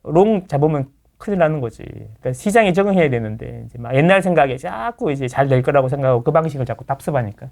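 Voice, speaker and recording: A man who is a real estate lecturer, talking as a guest in a casual interview, lecturing with playful impressions of others and quick tag questions. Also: medium pitch, expressive, vocal fry, a little mellow. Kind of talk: casual talk-show interview.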